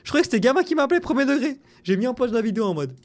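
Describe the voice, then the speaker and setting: A young man reacting to a video, animated, joking and swearing freely. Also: very high voice, rapid-fire, slight background noise. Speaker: content creator reacting to a video. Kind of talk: casual reaction commentary.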